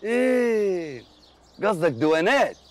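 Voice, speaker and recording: A high, teasing, punning friend. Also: male voice, very animated, unhurried. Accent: Egyptian Arabic. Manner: mocking, jokey. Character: cheeky young man teasing his friend with puns. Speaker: sitcom character. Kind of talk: TV sitcom acting.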